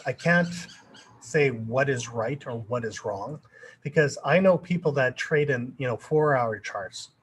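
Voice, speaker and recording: A man's voice: medium pitch, a little hiss or hum, poor audio. A man hosting a live trading webinar, answering viewer questions in a loose, rambling way with many fillers and restarts. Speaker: trading educator presenting a webinar.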